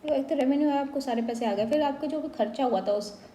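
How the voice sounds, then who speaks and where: A woman teaches basic accounting, going term by term and slipping into English phrases as she explains. Her voice sits a little high and sounds mellow. It carries a roomy echo over a faint hum of ambience. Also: fast talker. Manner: explanatory, slips between Hindi and English. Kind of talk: explaining accounting terms in a lesson.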